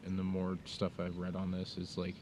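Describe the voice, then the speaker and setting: A young American podcast co-host with a very low, even voice chats casually outdoors in the mountains, where a clear rumble of noise sits behind him. He speaks in a thoughtful, halting way, full of fillers, circling back and restarting as he works through his thoughts.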